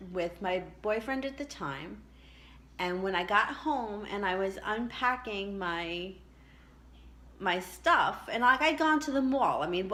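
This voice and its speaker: A middle-aged woman chatting casually and reflectively as she tells a personal story, with halting asides. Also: mid-range voice, fairly bright tone. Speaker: vlogger telling a personal story.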